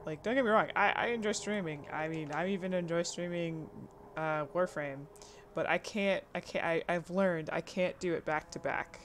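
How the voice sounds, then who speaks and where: Speaking at normal speed in a husky voice on the low side, a woman chats loosely with her online audience during a live stream. She rambles, drifts off and restarts, and laughs a lot, while a little hiss or hum sits in the audio.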